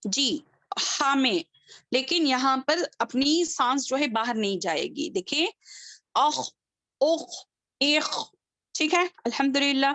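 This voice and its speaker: A woman teaching an online recitation class, her voice a little high and heard close and dry over a video call. She repeats each letter sound slowly for her students and often stops to ask if they have understood. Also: expressive, bright, forceful tone, dry recording. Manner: checks understanding with frequent questions. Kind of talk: online tajweed lesson.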